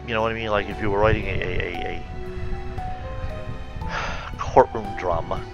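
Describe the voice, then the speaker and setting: A man reading fan fiction aloud and stopping often to comment, thoughtful and halting with many fillers and self-corrections. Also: on the low side, fairly even intonation, vocal fry, dull audio, over loud music. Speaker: reader and reviewer of fan fiction.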